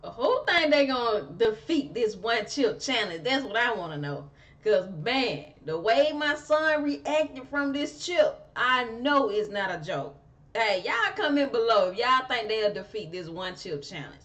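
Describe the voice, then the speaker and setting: A woman comments casually as a reaction host, interjecting informally. She takes her time between words. Her pitch is on the high side and moves around a lot. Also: sing-song, unhurried, fairly bright tone.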